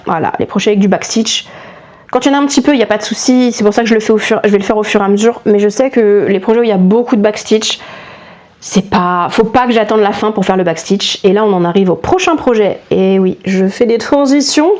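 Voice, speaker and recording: A woman's voice: medium pitch, fast talker, darkish tone. A woman vlogging casually about her cross-stitch projects on a lapel mic, chatty and self-mocking, with many restarts. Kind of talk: casual chat.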